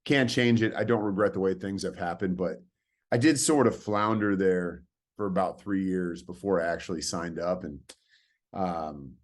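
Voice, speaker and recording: A deep-voiced man in his forties, originally from California, talking as a podcast guest. He rambles through his stories in a relaxed way and often stops to restart a sentence. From California, USA. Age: 40s. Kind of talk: casual storytelling.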